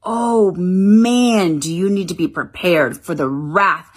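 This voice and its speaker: A woman's voice: on the low side, slow. A woman speaking candidly and emphatically to camera, with mocking asides. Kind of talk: opinion monologue to camera.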